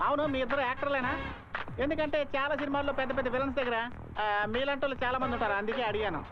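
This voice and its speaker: A man's voice: extremely high pitch, steady tone, fast talker, noisy background. A man playing a cheeky, chatty comic sidekick in a film. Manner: chatty, cheeky village banter. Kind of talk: Telugu film comedy. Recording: dull film audio with music.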